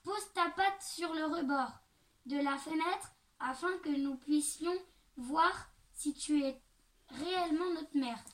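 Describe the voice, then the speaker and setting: A woman's voice: sits high, takes it slowly, far from the mic. A woman voicing a group of young goat kids in a storybook reading, calling out boldly and warily. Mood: defiant. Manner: crying out, defiant. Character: seven wary little goat kids.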